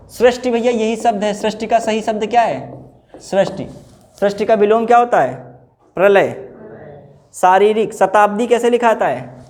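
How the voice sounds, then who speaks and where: A man's voice: high voice, a little mellow. A male teacher giving an exam-prep spelling lesson, repeating each word and quizzing his students, calling them brother in an informal way. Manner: addresses listeners informally as brother.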